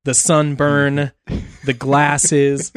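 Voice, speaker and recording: Man, podcast guest, animated storyteller, casual chat, dry studio sound. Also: on the high side, very slow, smooth, dry recording.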